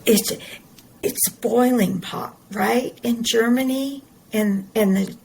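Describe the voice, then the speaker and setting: A woman's voice: on the high side, slow pace, darkish tone, slight background noise, low-quality recording. A middle-aged woman, talking earnestly and emphatically in a personal monologue, often repeating her words. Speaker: podcast host.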